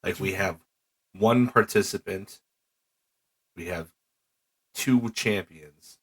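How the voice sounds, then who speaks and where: A man co-hosting a wrestling podcast, chiming in with short, relaxed comments in casual chat. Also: sits low, slow pace, breathy edge. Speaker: podcast co-host.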